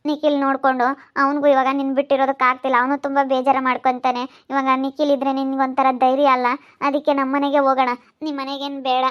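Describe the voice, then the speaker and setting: A woman plays an elder sister in a homemade family drama, protective and insistent. Her voice is high and almost monotone. She talks quickly and will not be refused. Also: lo-fi sound, natural voice. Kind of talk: amateur family drama skit.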